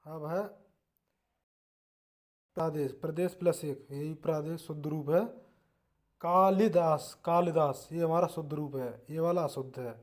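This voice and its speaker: Man, Hindi accent, exam-prep teacher, spelling drill, fairly high voice, drops softly at line ends. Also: steady tone, normal speed. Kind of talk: spelling lesson.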